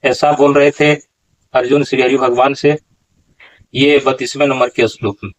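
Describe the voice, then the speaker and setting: A man teaching how to pronounce a Gita verse. He talks slowly, asks questions and corrects recitations. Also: mid-range voice, little pitch movement, low-quality recording. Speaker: Sanskrit pronunciation teacher.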